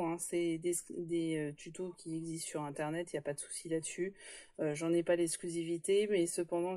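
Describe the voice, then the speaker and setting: A woman's voice: mid-range voice, dark tone. A woman hosting a casual scrapbooking tutorial, chatty and joking, with many hesitations as she shows her work.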